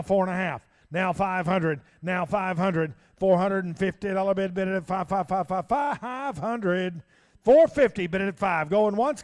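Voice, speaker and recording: A man working as an auctioneer, calling bids in a rapid, folksy, repetitive chant. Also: sits high.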